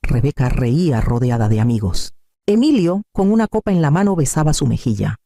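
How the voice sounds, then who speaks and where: Male storybook narrator with a deep mellow timbre and a lively melody. Scripted and steady. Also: fairly quick, creaky, no room sound, studio quality.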